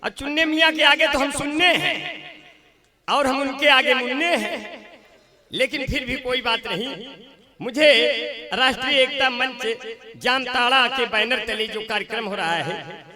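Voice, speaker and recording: A man performing as a poet at a large gathering, reciting couplets and singing some of them in long, drawn-out lines, with jokey asides in between that swell loud on the punchlines. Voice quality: high-pitched, drawn-out sung couplets. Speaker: poet at a mushaira. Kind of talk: poetry recital with banter, partly sung. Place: outdoor poetry gathering with a large crowd. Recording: crowd noise behind a stage mic. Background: audience crowd.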